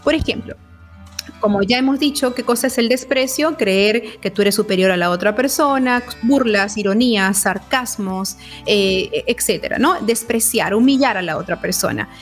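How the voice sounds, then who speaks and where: A woman's voice: mid-range voice, moderate pace, soft background music. A woman psychologist explaining relationship advice, often checking in with her listeners with short questions.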